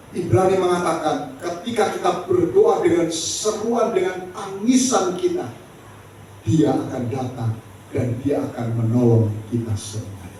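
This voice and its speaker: A man's voice: a little high, darkish tone, a little hiss or hum. A man preaching a sermon as pastor, emphatic and calling out to the congregation. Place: church hall. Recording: echoey church hall, distant mic.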